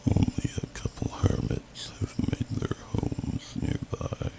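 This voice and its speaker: In an ASMR roleplay, a man voices a huge, gentle old male dragon using a deep, gravelly half-whisper. The speech is slow, courtly and old-fashioned, lightly acted in a calm mood. It's captured on a noisy amateur home microphone.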